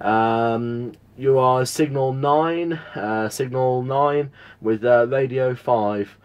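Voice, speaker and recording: A UK man with a southern English accent chats over CB radio from his home setup indoors, slow and mid-range, with a clean tone though the audio sounds dull. He's a friendly operator who repeats details, trades call signs, and spells words.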